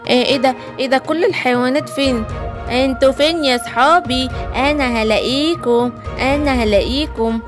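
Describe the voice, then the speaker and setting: A woman's voice: sits high, brisk, music in the background, lightly acted. A woman with an Egyptian accent voicing a timid, worried young lion cub. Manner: anxious, calling out.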